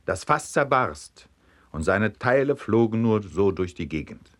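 Lively male storyteller reading anecdotes. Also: on the low side, unhurried. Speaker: narrator. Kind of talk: reading humorous anecdotes aloud.

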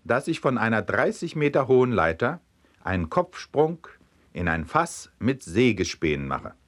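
A man voicing a dazed young male daredevil, speaking quietly and flatly. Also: mid-range voice, moderate pace, lightly acted.

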